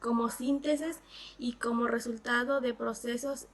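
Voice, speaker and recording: A woman with a slightly high voice delivers a prepared academic statement. She speaks as a panelist, in a formal scripted style. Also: steady tone, unhurried.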